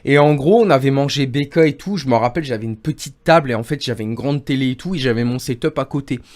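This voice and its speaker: A man's voice: medium pitch, quick pace, darkish tone. Rambling man recounting a dream. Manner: rambling, keeps repeating "en gros" and "et tout". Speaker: livestreamer. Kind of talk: casual storytelling to a friend on stream.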